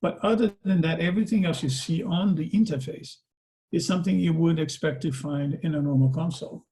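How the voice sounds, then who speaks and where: A man whose first language is Portuguese presents conversationally on a video call, his accent clear and his points frequently ending in tag questions. His voice is fairly high and warm, and he speaks briskly into the call's microphone.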